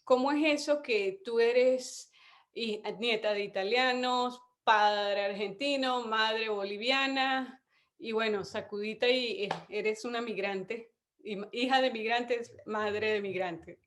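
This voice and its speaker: A woman's voice: on the high side, slow, fairly bright tone. A woman hosting an interview show, greeting listeners and asking questions, sometimes slipping and correcting herself. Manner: friendly, slips and corrects herself. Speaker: host.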